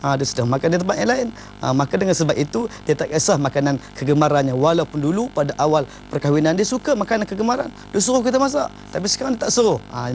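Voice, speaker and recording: Man, marriage advice talk, emphatic, quick delivery, slightly high voice. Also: a little hiss or hum. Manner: emphatic, often opens lines with "ha". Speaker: speaker giving marriage advice.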